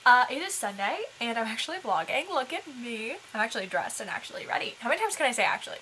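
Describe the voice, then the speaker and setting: Bright-voiced chatty woman vlogger. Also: fairly high pitch, sing-song, fast talker, slight background noise, poor audio. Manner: chatty, filler-heavy, laughing asides. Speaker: book vlogger. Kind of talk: casual chat.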